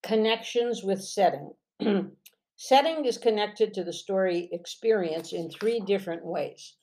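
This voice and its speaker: A woman author teaching fiction writing, reading passages from her own novel aloud in a measured way and often clearing her throat. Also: mid-range voice, expressive, a little mellow. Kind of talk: lesson with read-aloud novel excerpts.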